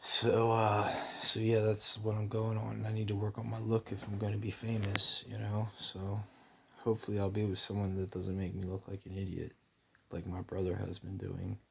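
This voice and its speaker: Young guy rambling on his vlog, deep husky voice, kinda monotone, lots of ums and restarts. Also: normal speed. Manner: meandering, many fillers and restarts. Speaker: vlogger. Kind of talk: rambling personal monologue.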